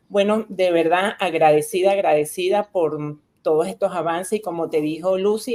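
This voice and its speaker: A woman's voice: deep voice, a little mellow. A woman, president of a medical society, giving formal, ceremonious closing remarks over a video call.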